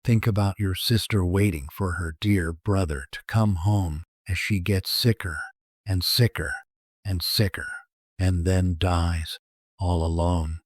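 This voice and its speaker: A man's voice: sits low, fairly even intonation, no room sound, studio quality. A man voicing a cruel, sleep-starved killer in a horror story, with a taunting, menacing manner. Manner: taunting, menacing, drawn-out repetition. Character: murderous, sleep-starved criminal, gloating and cruel. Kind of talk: acted dialogue in horror storytelling.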